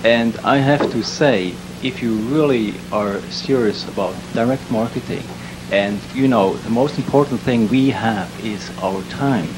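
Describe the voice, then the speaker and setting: A man's voice: mid-range voice, unhurried, few pauses. A man from Switzerland who works in direct marketing, giving an earnest, emphatic testimonial. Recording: hissy background noise.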